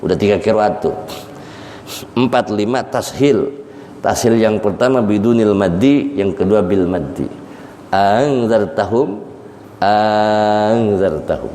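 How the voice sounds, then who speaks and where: Slow man teaching in an echoey hall. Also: fairly low pitch, warm tone, slight background noise. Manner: slow, repeats drawn-out recitations to teach. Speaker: Islamic teacher. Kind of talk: Quran exegesis lesson. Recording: echoey hall, faint ambience.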